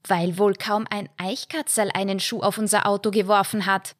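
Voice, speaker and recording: A woman's voice: medium pitch, little pitch movement, moderate pace, dry recording, clean studio sound, close to an everyday voice. A woman reading the lines of a suspicious wife who hisses accusations at her husband. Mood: accusing. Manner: hissing, accusing, threatening. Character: suspicious, sharp-tongued wife.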